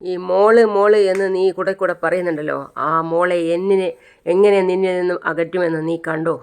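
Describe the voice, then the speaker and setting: The narrator voicing a scheming man who taunts and threatens, in a clear voice. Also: high-pitched, steady tone, fairly quick.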